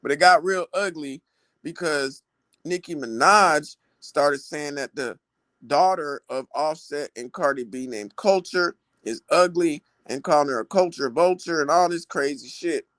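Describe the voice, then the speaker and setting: A man's voice: on the high side, a little slow, dry recording. Slangy male gossip commentator, dry sound. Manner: slangy, animated retelling with quoted voices.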